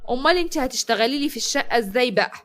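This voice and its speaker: A woman's voice: sits high, expressive, very fast. A woman with an Egyptian accent voicing a rude, bossy sister-in-law who snaps and silences her. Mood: snappy. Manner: snappy, dismissive.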